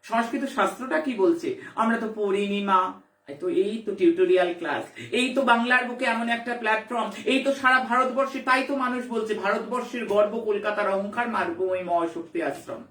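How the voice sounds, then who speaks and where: A woman's voice: mid-range voice, quick pace, hardly any pauses, a bit bright, reverberant, distant mic. A woman spiritual teacher, giving a devotional lesson emphatically, repeating herself and firing rhetorical questions.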